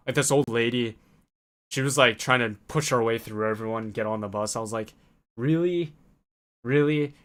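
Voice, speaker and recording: A young man recounts a trip in a loose, chatty way, with plenty of fillers and little acted-out quotes. His voice sits at an ordinary middle pitch for a man. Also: a bit bright. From North America. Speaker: vlogger. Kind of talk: casual storytelling to camera.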